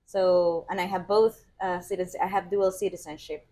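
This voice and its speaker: Earnest young woman, fairly low voice. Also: level tone, normal speed, dark tone. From Venezuela. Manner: earnest, laughs often, searches for words. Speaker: podcast guest, PhD student. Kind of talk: casual interview chat.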